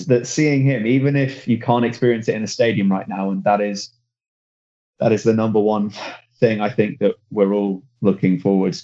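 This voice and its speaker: A man with a lowish, warm voice, recorded with dull audio, works as a football reporter and chats casually on a podcast. He's enthusiastic and rambling, often restarting sentences, and speaks German as a second language rather than his first.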